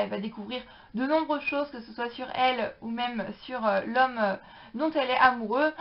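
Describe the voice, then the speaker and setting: A woman giving a chatty, enthusiastic book review with many hesitations. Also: a little high. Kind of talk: casual book review vlog. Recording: dull lo-fi sound.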